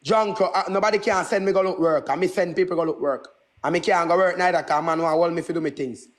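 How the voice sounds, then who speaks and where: A Jamaican man in his twenties hosts a livestream, ranting casually in Patois. He is brash, boastful and repetitive, speaking fast in a high voice with a steady tone.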